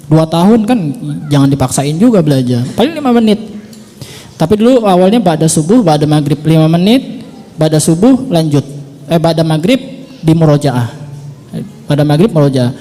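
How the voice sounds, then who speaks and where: A man with a high but mellow voice talks in a relaxed, advice-giving way, going back over his points with patient repetition. His voice rings with a long reverb, as if recorded in a large hall. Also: moderate pace, long pauses. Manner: patient, repeats points, many 'ya' fillers. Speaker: father sharing how he taught his son.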